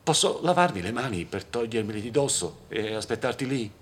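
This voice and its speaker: A man voicing a jittery, scared male veteran addict, high, loud and whiny in a storybook reading. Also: expressive, a little fast, breathy edge. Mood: scared whining.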